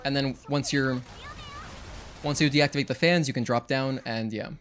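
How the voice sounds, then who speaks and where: There's slight background noise as a young man whose first language is Spanish casually talks viewers through his game. His medium-pitched voice keeps fairly even intonation at a moderate pace. As a streamer, he's chatty, thinks out loud and counts combo hits.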